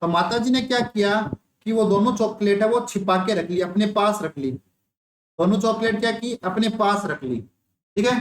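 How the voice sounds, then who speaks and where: Speaking at a moderate pace in a high-pitched voice, this instructor leads an online nursing exam class, weaving in a story and repeatedly questioning his students. The echoey room carries faint ambience plus a little hiss or hum.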